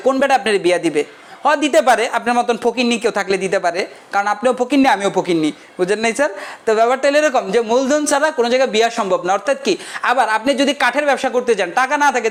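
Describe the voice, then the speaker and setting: Male teacher with a high, quick voice. Jokes and keeps checking that the class follows. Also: a bit bright. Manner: joking, keeps checking the class understands, asks rhetorical questions. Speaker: economics teacher. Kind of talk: casual joking lecture.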